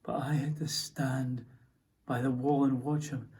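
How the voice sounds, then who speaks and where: A man with a Scottish accent playing a haunted soldier in a theatrical monologue, telling his story in a halting, stammering, emotional way. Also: mid-range voice, level tone, darkish tone, natural voice. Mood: bitter. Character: Scottish soldier recounting a prisoner's execution, haunted. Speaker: stage actor. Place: theatre stage.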